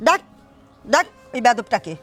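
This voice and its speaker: A woman's voice: fairly high pitch, very animated, moderate pace, a bit bright, soft background music. A woman playing a proud, furious mother who insults and scolds her daughter in a domineering way.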